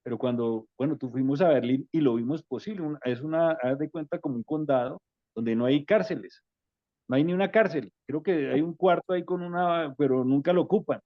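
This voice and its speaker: A man who tells a story in a relaxed, hesitant way, full of pauses. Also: on the high side, no echo. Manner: relaxed, hesitant, with many fillers. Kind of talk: conversational storytelling. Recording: dry, dull sound.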